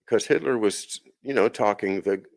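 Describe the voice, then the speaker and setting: A man with a very low, deep voice talks through a long solo monologue as host of his own show. He wanders from point to point, circling back with restarts and asides. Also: moderate pace, gravelly, a little mellow. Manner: rambling, with many restarts and asides. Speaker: podcast host. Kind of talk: casual monologue.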